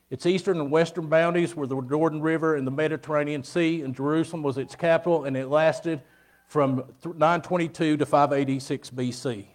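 Halting, higher-pitched male preacher at a pulpit microphone. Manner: halting, folksy, plain-spoken delivery. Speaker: preacher giving an evening Bible lesson. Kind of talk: informal teaching sermon with questions to congregation.

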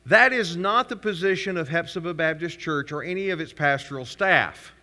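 A man's voice: fairly high pitch, moderate pace, sharp tone. A man preaching a sermon as pastor, reading scripture aloud with pointed sarcastic emphasis. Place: church sanctuary. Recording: reverberant church hall.

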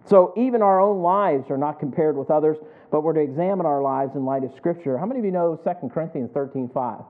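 A man's voice: a little high, fast. A pastor in his fifties preaching a sermon, reading scripture and prompting the congregation to answer, with frequent chuckles. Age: 50s. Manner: call-and-response preaching with chuckles. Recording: tinny phone-like audio.

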